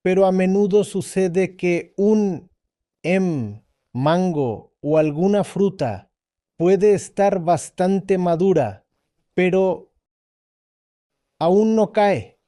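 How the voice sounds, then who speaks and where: A man giving a dubbed spiritual lecture as a teacher, speaking deliberately, repeating key points and checking that listeners follow. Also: sits high, mellow, no echo, clean studio sound.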